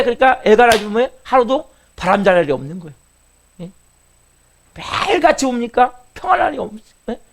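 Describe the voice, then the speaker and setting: A male pastor delivers a sermon in a notably high voice. He keeps calling out questions to the congregation and slips into the heated words of a jealous wife as he tells the story. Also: slight background noise. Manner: calls out to the congregation, asking questions.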